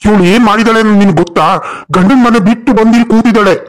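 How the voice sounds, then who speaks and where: A stern family man in a cartoon story lectures and scolds bluntly. His male voice sits fairly high. A man plays him. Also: fairly even intonation, fast, lightly acted. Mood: angry. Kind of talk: cartoon voice acting.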